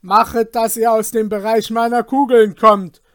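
A wrathful knight bellows his warning, as a male reader puts him on, every phrase hurled out with raised pitch and full force. The voice stays dry and close, with no room around it. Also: little pitch movement, moderate pace, dry recording. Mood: thundering threat. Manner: loud, commanding shouting. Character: male knight, thundering and furious.

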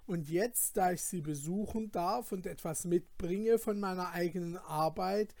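A man's voice: high-pitched, fairly even intonation, takes it slowly, warm tone, no room sound, pitched above the performer's own voice. A man voicing an anxious young male goldsmith apprentice, fearful and pleading in a read-aloud fairy tale. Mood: indignant.

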